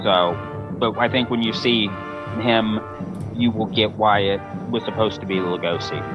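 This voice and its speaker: A man's voice: lowish voice, fairly even intonation, normal speed. A man hosting a casual livestream, offhand and wisecracking as he comments on an old movie. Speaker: podcast host. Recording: dull lo-fi stream audio with the film's music behind.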